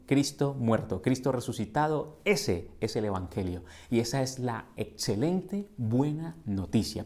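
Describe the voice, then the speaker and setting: A middle-aged man from Colombia delivers a sermon in a church sanctuary, his Colombian Spanish accent carried by a dark, medium-pitched voice. Earnest and questioning, his preaching climbs toward emphatic repetitions.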